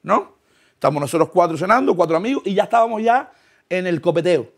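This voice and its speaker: A young comedian from the Canary Islands, with a high, creaky voice, tells a comic story fast. He's animated, acting out different voices and laughing through his lines.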